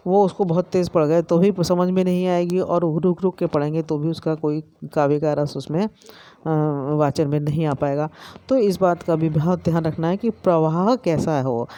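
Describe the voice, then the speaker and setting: A middle-aged woman with an Indian accent, an education lecturer, explaining slowly with many pauses and fillers. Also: low-pitched, warm tone, no echo. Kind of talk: recorded lecture.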